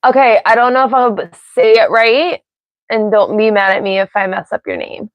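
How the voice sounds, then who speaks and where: Hosting a relaxed live stream, this woman from the United States rambles off topic and giggles frequently, her accent a mix of Pennsylvania and Ohio. She speaks at a moderate pace in a fairly high pitch, captured in a dry, slightly dull recording.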